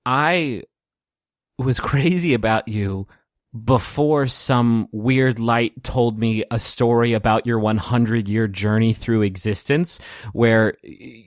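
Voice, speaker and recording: A man voicing a gentle, smitten male reaper who talks in halting restarts. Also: mid-range voice, dry recording, studio quality, lightly acted. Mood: tender.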